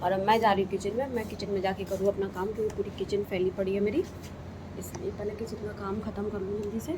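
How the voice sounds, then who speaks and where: A woman's voice: medium pitch, flat delivery, fast talker, background noise. A young woman narrating her family's day at home in a rural house, chatty and repeating herself for emphasis. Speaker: family vlogger. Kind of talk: casual vlog narration. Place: rural home with cattle yard and kitchen.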